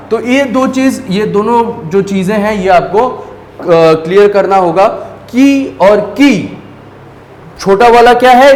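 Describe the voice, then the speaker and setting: A man's voice: high voice, a little mellow, echoey room. A man teaching a children's lesson, patiently asking questions and answering them himself. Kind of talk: explaining lesson at a board.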